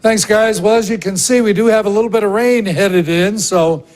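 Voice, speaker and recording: Man, weather presenter, conversational forecast, somewhat high pitch. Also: fairly even intonation, normal speed, darkish tone, a little hiss or hum.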